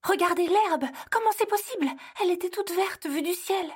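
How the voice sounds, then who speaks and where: A woman's voice: extremely high pitch, animated, moderate pace, pitched above the performer's own voice. A woman voicing an anxious, cautious female Christmas elf who worries constantly. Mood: worried. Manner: worried, fretful.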